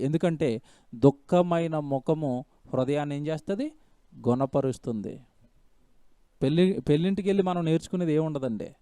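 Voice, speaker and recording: A man's voice: on the high side, mellow, clear, resonant tone, no echo, studio quality. A man preaching a sermon, driving points home with repeated phrases and rhetorical questions. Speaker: pastor.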